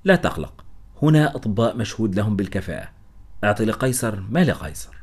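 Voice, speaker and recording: A man reading the lines of a calm, dismissive middle-aged veterinarian in an audiobook, matter-of-fact and unhurried in attitude. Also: on the low side, slightly rough, full character voice.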